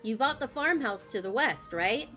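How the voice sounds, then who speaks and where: A woman's voice: fairly high pitch, lively intonation, normal speed, bright, forceful tone. A woman doing a polite male registrar, formal and welcoming, faint music under.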